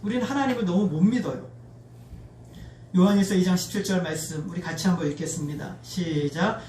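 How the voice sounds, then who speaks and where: Preaching in a church sanctuary, a man with a high voice speaks a little fast and draws his congregation into call-and-response with lively expression. The mic is distant, the room echoes, and there's faint background noise.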